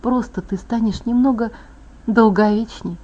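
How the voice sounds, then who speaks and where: A woman reading an audiobook voices a tender young immortal man, speaking softly and low. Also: unhurried, lo-fi sound.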